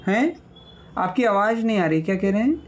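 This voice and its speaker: A Sanskrit teacher with a high, animated voice and fairly quick delivery gives an online revision lecture for his grammar class. He patiently explains and lists word meanings, often checking in with students, and the recording is muffled.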